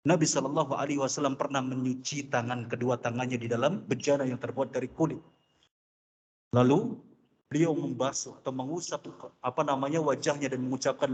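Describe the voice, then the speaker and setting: A man with an Indonesian accent preaching a sermon in a mosque, telling the story dramatically and acting out the quoted voices. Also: medium pitch. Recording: long hall reverb.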